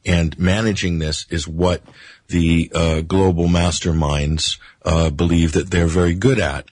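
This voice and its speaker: A man with a very low, husky voice delivers political analysis as an interview guest. He builds his case emphatically in lists, restarting phrases as he goes. The sound is dry, with no room on it. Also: level tone, measured pace, a little mellow, no echo. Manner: emphatic, listing points, hesitant starts.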